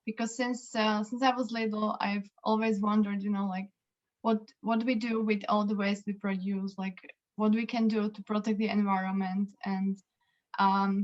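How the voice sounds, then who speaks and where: A woman introduces herself over a video call, her mid-pitched voice held fairly flat. The audio is a little dull and lo-fi, and she talks earnestly, doubling words as she finds her phrasing. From Slovakia. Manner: earnest, repeats words while searching. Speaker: interview guest, energy consultant.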